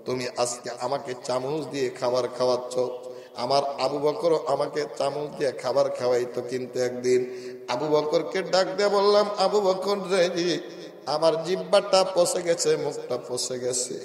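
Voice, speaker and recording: A frail old blind woman speaks softly and low, pleading and tender, as a man puts her on. Her small voice sits in a long, booming reverb. It sounds like an open-air religious gathering heard over loudspeakers. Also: steady tone, moderate pace, close to an everyday voice.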